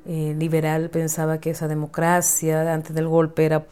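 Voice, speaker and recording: A middle-aged woman from Honduras, an interview guest speaking thoughtfully about politics, pausing and searching for her words. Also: sits low, monotone, warm tone, clear, resonant tone. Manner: thoughtful, searching, with restarts and tag questions. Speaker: interview guest, feminist activist and writer. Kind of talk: reflective conversational interview.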